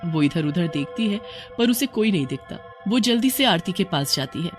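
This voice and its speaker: A storyteller reading a cartoon story in an even, scripted way. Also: mid-range voice, moderate pace, faint music behind.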